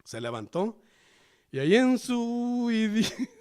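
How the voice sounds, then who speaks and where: His voice is extremely high, sing-song and darkish in tone, and he takes his time. The Salvadoran preacher, with his Salvadoran Spanish accent, delivers a chatty, conversational sermon in church, repeatedly calling listeners "hermano."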